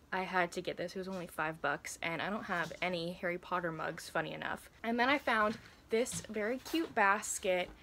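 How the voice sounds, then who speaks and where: A woman's voice: lowish voice, fairly bright tone. A woman, chatting casually and giggling often in a reading vlog filmed in her bedroom. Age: 20s. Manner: chatty and giggly, with frequent laughs and fillers. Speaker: book vlogger. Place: cluttered bedroom with bookcases, indoors.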